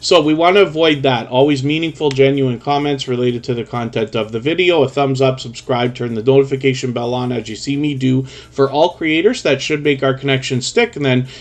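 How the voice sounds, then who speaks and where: Guy hosting a livestream, normal mid pitch, chatty, keeps going in long run-on explanations. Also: brisk, few pauses. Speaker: live stream host. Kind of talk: chatty live stream commentary.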